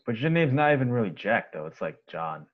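A man hosting a podcast who chats casually and answers with quick short exclamations. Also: mid-range voice, very animated. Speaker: podcast host. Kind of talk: casual chat. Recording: dull lo-fi sound.

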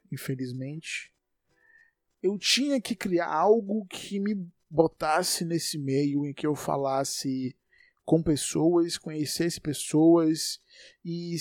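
A man in his twenties from Salvador, Bahia, Brazil, hosts an unedited solo podcast in a rambling, self-correcting monologue with a Bahian Portuguese accent. His voice is on the high side and a little mellow, recorded at studio quality with no room sound.

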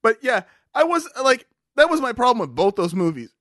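A man's voice: very high-pitched, big pitch swings, fairly quick, fairly bright tone, no room sound, clean studio sound. A man co-hosting a podcast, rambling and swearing in casual chat, a bit drunk, with lots of restarts. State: tipsy. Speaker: podcast co-host.

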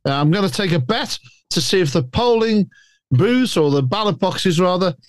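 A man's voice: high voice, lively intonation, moderate pace, no room sound. A man co-hosting a chat show, grumbling sarcastically in a casual way. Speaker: podcast co-host.

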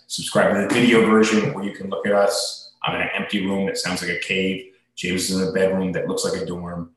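Low-voiced man in a cave-like echo. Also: fairly bright tone. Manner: blunt, swearing. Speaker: podcast host. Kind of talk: casual opinionated podcast chat. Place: empty room that sounds like a cave. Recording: cave-like echo of an empty room.

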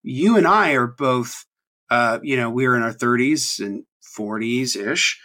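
Chatting casually on his podcast, a man in his thirties wanders through his thoughts with many ums and restarts. He has a mid-range, animated voice with a sharp tone, and he doesn't hurry.

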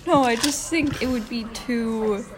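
A woman's voice: fairly high pitch, unhurried, very noisy. A woman co-hosting a casual podcast chat at school over lunch, laughing often as she talks. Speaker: co-host. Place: school during lunch break.

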